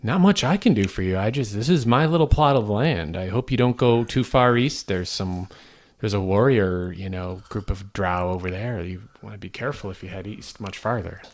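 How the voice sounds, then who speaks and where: A man voicing an old woman hermit in a tabletop game, wary but helpful, speaking haltingly and repeating his words. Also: on the low side. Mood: confiding. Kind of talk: tabletop game role-play.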